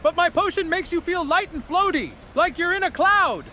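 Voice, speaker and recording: Excitable young alchemist tinkerer, very high and piercing, eager fantasy-comedy optimist. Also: male voice, moderate pace, a little hiss or hum, exaggerated voice. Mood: excited. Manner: eager, enthusiastic. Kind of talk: scripted fantasy comedy dialogue.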